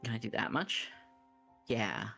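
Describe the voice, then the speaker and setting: A man's voice: mid-range voice, sing-song, unhurried, vocal fry, bright, forceful tone, faint music behind. A man streaming a game and chatting casually, telling stories with lots of fillers and restarts. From Canada.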